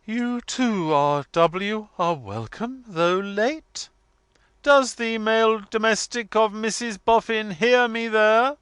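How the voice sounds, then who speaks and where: A man's voice: high-pitched, slow pace, fairly bright tone, clean tone, dry recording, clean studio sound, voice pushed up. A man voicing a pompous, gloomy middle-aged mother in a storybook, declaiming with solemn, stately majesty. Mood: majestic gloom.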